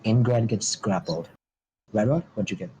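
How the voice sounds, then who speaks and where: Low-voiced man as game master. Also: moderate pace, dark tone, low-quality recording. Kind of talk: improvised tabletop game narration and casual chat. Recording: faint background noise.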